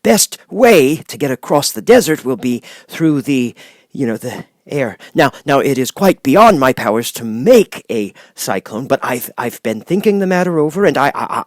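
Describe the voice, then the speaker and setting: A flustered little storybook wizard, all stammers, repeats and ums. His pitch is pushed up and jumps about a great deal. The sound is dry. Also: sing-song, unhurried, no room sound. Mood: flustered, musing. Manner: stammering, hesitant, repeating words with ums and chuckles. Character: nervous, flustered little old humbug wizard. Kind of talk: audiobook character voice.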